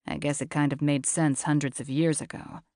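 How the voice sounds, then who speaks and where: A woman's voice: level tone, moderate pace, a little mellow, no echo, studio quality. Woman voicing a brooding, commanding stranger. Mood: dismissive. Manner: low, blunt and dismissive. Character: brooding cynical mysterious man, commanding. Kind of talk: audiobook character voice.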